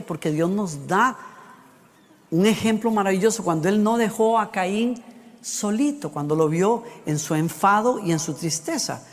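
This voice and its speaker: A man preaching a sermon, telling stories with lively acted asides. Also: high voice. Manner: animated storytelling with acted asides. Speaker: pastor. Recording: long hall reverb.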